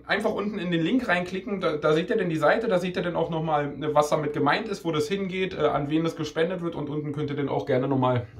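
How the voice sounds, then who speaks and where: A man of twenty-two talking casually to the camera, informal and slangy, often repeating words as he goes. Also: on the high side. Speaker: video creator. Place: small indoor room.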